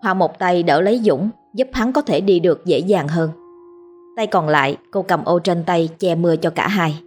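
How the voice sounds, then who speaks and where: A woman narrating a ghost story in a steady, dramatic reading. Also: lowish voice, normal speed, soft background music.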